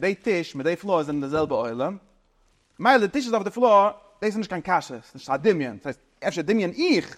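A man with a fairly high-pitched voice gives an informal philosophy lesson. He talks haltingly, restarting phrases as he searches for words, and slips English terms into his speech. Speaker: teacher.

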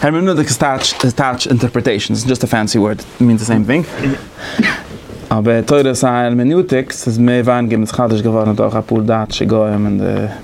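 A man's voice: medium pitch, steady tone, normal speed, gravelly, a little mellow, a little hiss or hum. A man giving a lecture, explaining conversationally and thinking aloud as he goes. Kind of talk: lecture on interpretation methods.

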